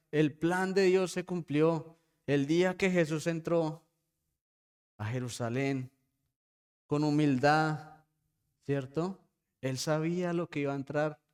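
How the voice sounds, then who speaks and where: A man preaching a sermon in church, often asking his congregation for a quick "yes?" and calling them brothers. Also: a little high, a little mellow, clean tone. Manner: preaching with frequent rhetorical "¿sí?" checks. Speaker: pastor.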